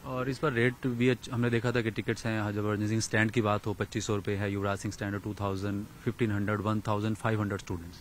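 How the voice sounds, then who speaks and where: A sports journalist speaks outdoors into a handheld microphone, his lowish voice level and quick, with hardly any pauses. He is reporting and interviewing on location in a large, empty cricket stadium, and the recording has a little hiss or hum.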